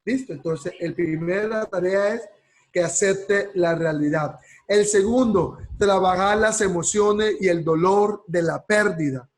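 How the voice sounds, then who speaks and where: A man teaching a counseling course, his voice a little high and husky. He talks at an unhurried pace and drags out the words he wants to land. He often stops to ask the class a question or to check they are with him. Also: poor audio. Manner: slows right down to stress key words. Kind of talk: class lecture.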